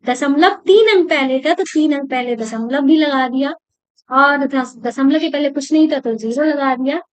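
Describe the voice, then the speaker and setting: A woman with a high, clear voice teaches a maths lesson step by step. She repeats each point and poses questions that she then answers herself, in a patient classroom manner. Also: normal speed. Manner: patient, repetitive, asks and answers own questions.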